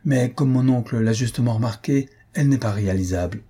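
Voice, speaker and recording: A man reading an audiobook, voicing a proud young woman who speaks gently but firmly, close to his own voice. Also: mid-range voice, fairly quick, slightly rough, natural voice. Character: proud young woman, grieving, firm and dignified.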